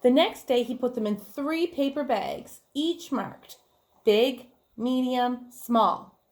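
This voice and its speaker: A woman's fairly high, slightly mellow voice moves at a slow pace as she reads a children's story to listeners, much like a teacher. Her clear, expressive storytelling includes acted-out conversations, questions for the audience and chatty side comments.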